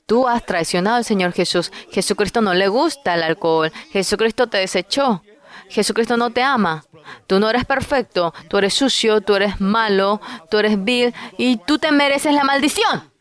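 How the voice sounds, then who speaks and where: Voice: medium pitch, moderate pace, fairly bright tone, clean tone, pitched above the performer's own voice, natural voice. A preacher voicing Satan as an accusing evil spirit, who lists a listener's sins in harsh, scolding tones during a sermon.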